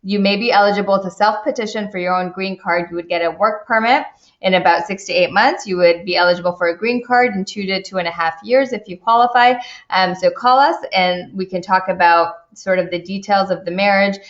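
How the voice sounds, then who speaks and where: A woman's voice: mid-range voice, fairly even intonation, fairly quick. A woman who is an immigration attorney, answering viewer questions on a live stream, chatty and full of fillers and restarts. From India. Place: home office in the Washington DC area. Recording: dull lo-fi stream audio.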